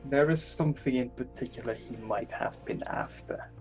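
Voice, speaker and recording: A man playing a lordly inquisitor who speaks in formal, measured, deliberate commands. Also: mid-range voice, darkish tone, lo-fi sound, natural voice. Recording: music playing behind the voice.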